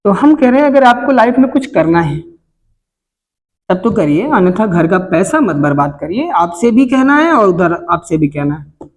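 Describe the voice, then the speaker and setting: High-voiced teacher lecturing students earnestly. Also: male voice, big pitch swings, moderate pace. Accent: Hindi, north Indian. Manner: earnest, moralizing, addresses students directly with rhetorical questions. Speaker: coaching teacher. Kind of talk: classroom life advice talk. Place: coaching classroom.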